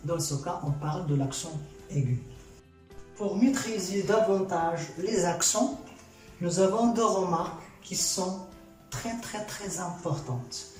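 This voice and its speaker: A teacher with a Moroccan accent talks through a grammar lesson, repeating each point and posing questions before answering them. The voice is mellow and set back from the mic. It rings in a very echoey room, with faint music behind. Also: mid-range voice, unhurried, far from the mic. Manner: patient, repetitive, asks and answers own questions. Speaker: French teacher.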